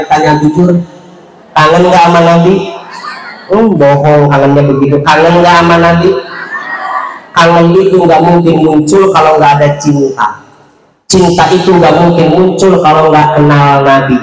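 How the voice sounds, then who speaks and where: A man giving a humorous sermon in a mosque, joking and calling out to the audience. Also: on the high side. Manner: joking, animated, calls out to the audience. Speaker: preacher. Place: mosque hall, recorded from a distance. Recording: echoey, distant, noisy.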